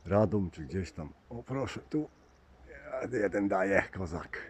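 Brief: low-voiced pigeon-keeping man, easygoing vlog chatter outdoors, faint birds and noise behind. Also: lively intonation, slow. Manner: chatty, addresses viewers as dear ones. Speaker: pigeon keeper vlogger. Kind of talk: casual running commentary to viewers. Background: birds and outdoor ambience.

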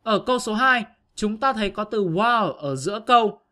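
A man's voice: high-pitched, lively intonation, normal speed, sharp tone. A male teacher giving an online grammar lesson, patiently explaining step by step to his pupils.

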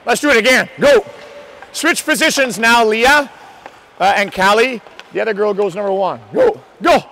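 A man's voice: high-pitched, expressive, moderate pace, gravelly, bright, forceful tone. A man coaching hockey on the ice, calling out drills with urgent, repeated, encouraging commands in a noisy indoor rink. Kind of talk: shouted drills and instructions on the ice.

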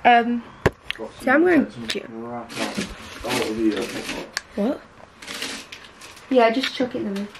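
A woman's voice: a little high, takes it slowly, vocal fry, pauses often, background noise. A young woman talking in a gushing casual vlog, groggy from just waking up. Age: young adult. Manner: gushing, says "literally" and "wow" a lot. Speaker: vlogger.

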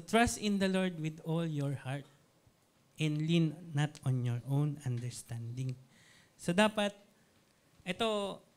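A man preaching a casual sermon, chatty, often asking his listeners "right?", and reading Bible verses slowly. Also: a little high.

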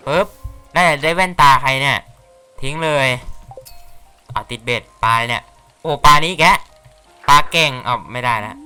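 A man's voice: medium pitch, pushed and bright, smooth. A man casually commentating a farming game, chatty and playful, reading the characters' lines aloud. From Thailand. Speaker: gaming YouTuber. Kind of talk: casual Let's Play commentary.

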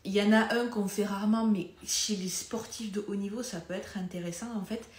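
A woman's voice: mid-range voice, steady tone, brisk, a little hiss or hum. Woman physio explaining stuff live, chatty, drifts off topic then comes back, roomy echo. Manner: conversational, loses her thread and picks it up again. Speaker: pelvic floor physiotherapist. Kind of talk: live video lesson with demonstrations. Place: room, moving around while demonstrating.

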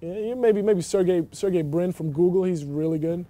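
In an empty indoor arena, a young adult man from Germany who plays college basketball responds to interview questions. His answers are relaxed yet hesitant, full of ums and restarts, delivered in a mellow voice that's a little high for a man.

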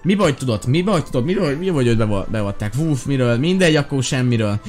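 A man hosting a gaming video, giving excited, chatty commentary straight to his viewers. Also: mid-range voice, soft background music.

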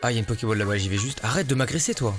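A man giving casual, joking let's-play commentary as a gaming YouTuber, excitable and slangy, talking straight to his viewers. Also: medium pitch, rapid-fire, soft background music.

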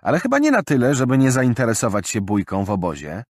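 A man's voice: mid-range voice, wildly swooping pitch, normal speed, husky, no echo, pitched above the performer's own voice. A male narrator voicing a sarcastic young man with a dry, mocking delivery. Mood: wry.

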